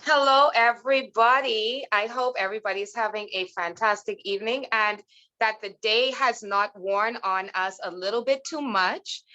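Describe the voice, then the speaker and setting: Bright confident woman introducing herself. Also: fairly high pitch, normal speed, dull audio. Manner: confident, assertive. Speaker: guest speaker, entertainer. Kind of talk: self-introduction.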